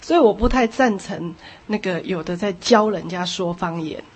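Husky-voiced woman preacher. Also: mid-range voice, normal speed. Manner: repeats phrases for emphasis, lively asides. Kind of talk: sermon.

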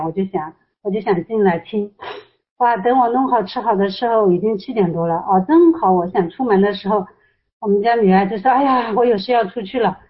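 A woman sharing a personal testimony in an online prayer room, emotional and rising high as she recounts her prayer. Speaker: testimony speaker. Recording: muffled lo-fi online voice chat.

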